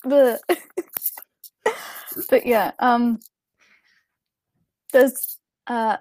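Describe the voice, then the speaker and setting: A woman's voice: on the high side, drawn-out words, a little mellow. A young British woman co-hosting a casual podcast chat, giggling and breaking off mid-word. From Britain. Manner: giggly, trails off and restarts words. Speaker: podcast co-host.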